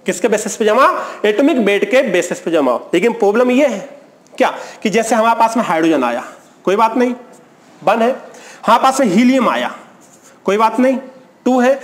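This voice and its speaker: A man teaching a chemistry class in a colloquial lecture, asking rhetorical questions, answering them himself, and counting aloud for emphasis. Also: very high-pitched.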